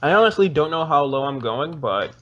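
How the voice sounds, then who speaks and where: A man's voice: a little high, lively intonation, a little fast, a bit bright, highs cut off, slight background noise. A teenage boy hosting a casual game session with a friend, chatting, joking and asking viewers for likes. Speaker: gaming channel host.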